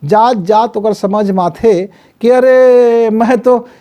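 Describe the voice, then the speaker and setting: A middle-aged man with a Chhattisgarhi accent gives a motivational talk on life goals, his voice high yet mellow and dark in tone. He teaches through stories and acts out the voices of parents and villagers as he goes. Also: slow pace, clean tone. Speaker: spiritual guru giving life advice.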